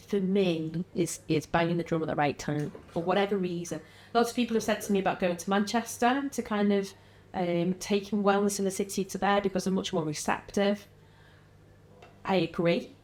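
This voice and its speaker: A woman with a mild Liverpool-area English accent, a wellness business founder, chats casually as a podcast guest. She's animated, acting out other people's words with lively pitch jumps and laughing often.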